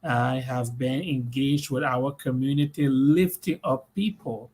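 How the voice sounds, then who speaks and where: A middle-aged Liberian man answering interview questions slowly, pausing often with "uh". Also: medium pitch, darkish tone, husky. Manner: slow, measured, with many "uh" pauses. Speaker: guest, community leader.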